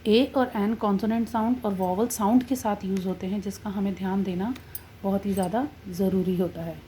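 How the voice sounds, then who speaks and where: A woman teaching English grammar, drawing out example words slowly to stress their sounds. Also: medium pitch, fairly even intonation, mellow, slight background noise. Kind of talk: classroom-style grammar lesson.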